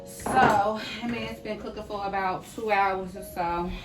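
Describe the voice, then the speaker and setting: A woman's voice: mid-range voice, fairly even intonation, measured pace. Woman home-cook vlogger, easygoing kitchen chat, music underneath. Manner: chatty, repeats "right?" and "y'all". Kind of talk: casual cook-along chat. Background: background music.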